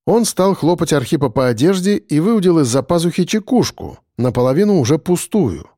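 Male audiobook narrator, expressive and animated, dry studio sound. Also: a little high, fairly quick, dry recording.

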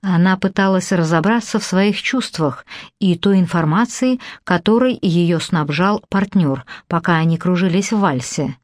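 Lowish woman voice reading an audiobook, calm and steady, dry close mic. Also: moderate pace, no room sound. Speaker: audiobook narrator. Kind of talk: scripted narration.

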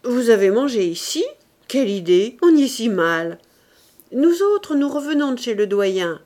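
A woman voicing a successful young male painter, speaking in an emphatic, exclamatory way at a slow reading pace. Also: medium pitch, sing-song, darkish tone.

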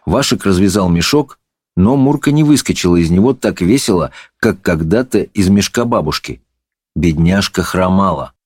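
A man narrating a fairy-tale audiobook with a lively, expressive reading. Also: low-pitched, moderate pace, no room sound, studio quality. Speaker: storyteller.

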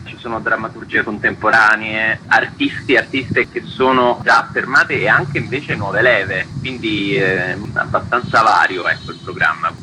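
A man with a fairly low voice is interviewed on the radio as a festival organiser. He talks enthusiastically and conversationally about the event, with background noise in the clip.

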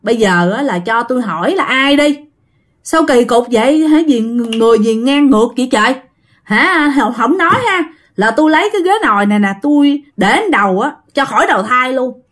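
A woman's voice: a little high, animated, fairly quick, natural voice. A woman voicing a hot-tempered younger brother who bluntly demands answers from a ghost. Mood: demanding.

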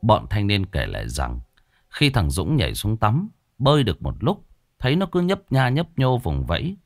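Low-voiced man telling a village horror tale. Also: huge pitch swings, gravelly, no echo. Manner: slow, dramatic, folksy storytelling. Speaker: storyteller. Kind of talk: spoken horror story narration.

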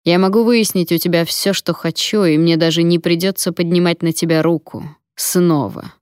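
A woman's voice: fairly low pitch, fairly even intonation, moderate pace, a little mellow, smooth, no echo, clean studio sound, lightly acted. A woman voicing a menacing, short-tempered male gang boss who barks and mocks in an audiobook. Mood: threatening. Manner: barking, mocking. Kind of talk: audiobook character reading.

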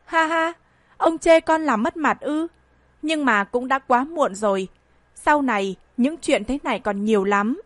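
A woman's voice: sits high, lively intonation, a little slow, dry recording. A woman voicing a mocking, defiant young woman. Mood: taunting. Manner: taunting and scornful.

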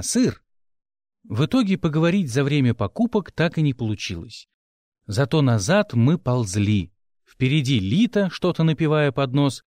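A man narrating an audiobook with expressive first-person storytelling. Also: mid-range voice, no room sound, clean studio sound.

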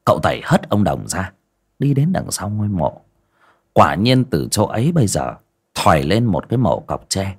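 Low, expressive male storyteller. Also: normal speed, slightly rough. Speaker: audiobook narrator. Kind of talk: scripted horror story narration.

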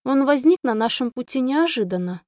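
A woman narrating a first-person audiobook in an expressive, emotional way. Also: sits high, fairly quick, dry recording, clean studio sound.

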